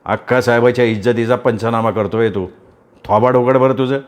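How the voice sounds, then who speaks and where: A man voicing a tough, loyal village henchman who speaks roughly and scolds. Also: medium pitch, fairly even intonation, fairly quick, close to an everyday voice. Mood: angry.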